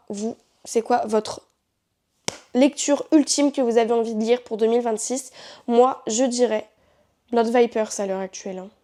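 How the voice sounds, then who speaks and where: A woman's voice: a little high, warm tone. A young woman talking casually to the camera about the books she plans to read, chatty and playful, often correcting herself mid-sentence. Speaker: book vlogger.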